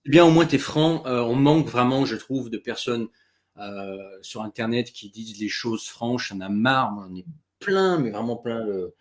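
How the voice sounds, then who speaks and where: A man's voice: medium pitch, lively intonation, moderate pace. A man hosting a casual interview, talking in an informal, colloquial way.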